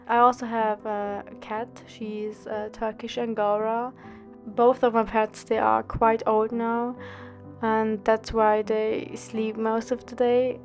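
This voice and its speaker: Young woman reading a voice-over. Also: on the high side. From Austria. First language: German. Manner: careful, steady, read-out delivery. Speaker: art student and drawing channel host. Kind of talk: scripted voice-over narration for a drawing video.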